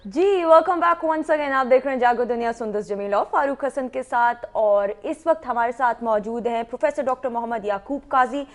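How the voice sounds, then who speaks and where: A woman with a Pakistani accent co-hosting a morning talk show, lively and playful as she introduces the guest and asks questions. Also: on the high side, moderate pace, hardly any pauses, faint music behind.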